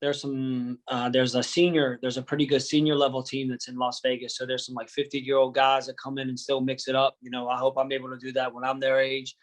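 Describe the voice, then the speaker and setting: Sitting as a guest in a casual interview, a wrestling coach from the United States jokes easily and uses slang. He speaks briskly in a medium-pitched monotone, with few pauses.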